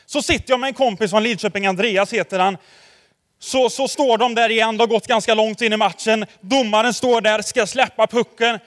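High-voiced pastor preaching in a reverberant hall. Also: male voice, fairly even intonation, a bit bright. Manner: chatty, with constant tag questions to the congregation; anecdotal storytelling, addressing the audience directly. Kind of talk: conversational sermon. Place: church hall before a congregation.

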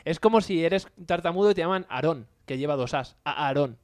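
A man's voice: a little high, expressive, fairly quick, a little mellow, dry recording, clean studio sound. A man co-hosting a casual podcast chat, teasing the others and laughing. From Spain. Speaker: podcast co-host.

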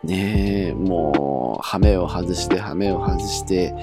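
A man's voice: sits low, slow, over music. A young man from Japan chatting casually and with self-mockery as he looks back over his old diary, with many fillers.

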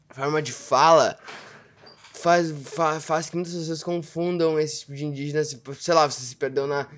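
Rambling man hosting a show. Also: on the high side. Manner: rambling, informal, self-correcting. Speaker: show host. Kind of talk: casual solo monologue.

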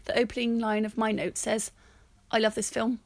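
A woman's voice: a little high, monotone, normal speed, no echo. A woman co-hosting a casual film review chat, talking through her notes with frequent laughter. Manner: chatty, reads out her notes, often laughs. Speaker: podcast co-host.

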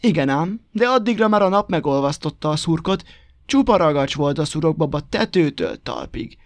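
A man narrating a folk tale as a storybook reader, with a lively, rhythmic telling on a close mic. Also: fairly high pitch, no room sound. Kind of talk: storybook reading.

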